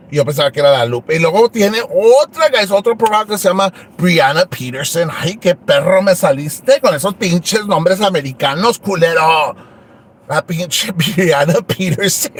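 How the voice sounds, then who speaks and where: In a comedy livestream, a man with a high voice plays Rubí Moreno, a brash, foul-mouthed, gossiping woman who hosts the stream. He flips between Spanish and English and keeps the character crude and brassy.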